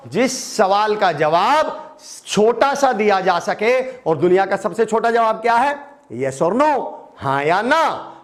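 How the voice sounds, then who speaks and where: A middle-aged man teaching an English lesson in an animated way, asking and answering his own questions. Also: sits high. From India.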